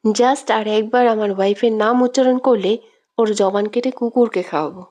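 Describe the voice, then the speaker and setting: A woman's voice: on the high side, fairly even intonation, normal speed, darkish tone, close to an everyday voice. A woman voicing a hot-tempered young husband who makes angry, threatening demands. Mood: furious. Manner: furious, threatening.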